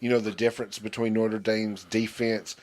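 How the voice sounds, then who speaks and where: A man's voice: lowish voice, flat delivery, normal speed, darkish tone. A man co-hosting a podcast in casual chat, rambling with stammered restarts. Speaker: podcast co-host.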